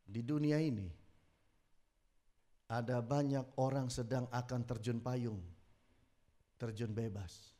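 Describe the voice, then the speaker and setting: A man preaching a sermon, telling stories with dramatic swings between loud exclamations and low murmurs. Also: fairly even intonation, slow pace, pauses often. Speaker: pastor. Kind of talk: sermon with storytelling.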